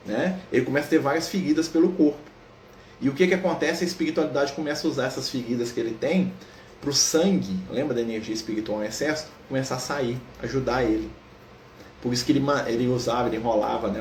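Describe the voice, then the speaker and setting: A man leads a spiritist study group, narrating a saint's life at a fast clip. He keeps checking in with "né?" and slips into the characters' voices for their dialogue. The room is echoey, with a faint hiss behind him. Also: mid-range voice, a little mellow. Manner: storytelling, frequent "né?" tags, acts out dialogue. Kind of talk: informal spiritual lecture.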